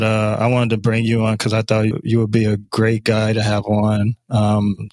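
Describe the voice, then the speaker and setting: A man's voice: mid-range voice, no room sound. A man hosting an interview, asking earnest, reflective questions and sharing his own experience as a veteran. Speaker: podcast host, veteran. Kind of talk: interview conversation.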